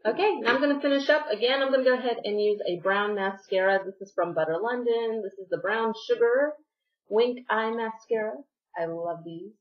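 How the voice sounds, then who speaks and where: A woman's voice: fairly high pitch, fairly quick, dull audio. A woman beauty vlogger narrating a makeup tutorial, giving friendly step-by-step instructions while slightly losing her voice.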